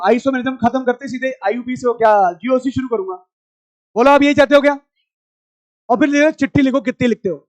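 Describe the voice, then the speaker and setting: High-voiced male teacher shouting in class. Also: dry recording. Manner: loud, scolding and coaxing students. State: strained throat. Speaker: chemistry teacher. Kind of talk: classroom lecture.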